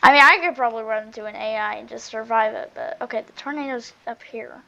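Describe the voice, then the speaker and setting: A woman giving casual, chatty gameplay commentary, often half to herself, her volume swinging between muttering and loud exclamation. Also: a little high, fast talker, gravelly. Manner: chatty running commentary, often talking to self. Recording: dull lo-fi microphone sound.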